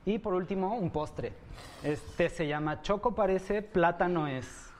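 Chef with a fairly high voice. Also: male voice, a little slow, slight background noise. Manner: friendly, explanatory, ends phrases with tag questions. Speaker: head chef. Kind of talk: explaining dishes on camera.

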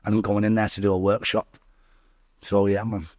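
A man's voice: fairly low pitch, level tone, moderate pace, a little mellow, dry recording, clean studio sound. A man with a Manchester accent tells his own story casually as an interview guest, in slangy, sweary talk that keeps addressing the listener.

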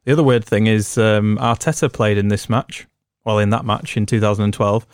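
A man hosts a casual football podcast, steady and guiding as he asks questions and reads out stats. The recording is dry and close, with no room sound around him. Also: on the low side, a little fast, clean tone, no echo. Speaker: podcast host. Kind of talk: casual sports chat.

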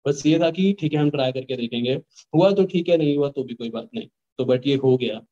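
A man's voice: medium pitch, brisk, dark tone, muffled recording. A young man, a rapper, talking earnestly and at length in a casual interview, mixing in English phrases. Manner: earnest, rambling, mixes Hindi and English. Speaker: rapper guest.

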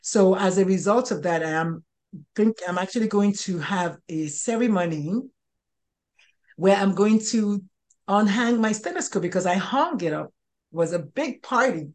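A woman's voice: medium pitch, lively intonation, moderate pace, darkish tone. A woman in her sixties, a pediatrician and life coach, talking as an interview guest with many restarts and fillers. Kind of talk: interview conversation.

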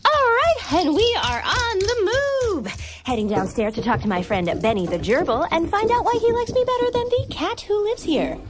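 A woman's voice: extremely high pitch, lively intonation, moderate pace, music in the background. A woman voicing an eager, chatty pet dog who hosts a podcast, bouncy and easily distracted, in a children's audio comedy.

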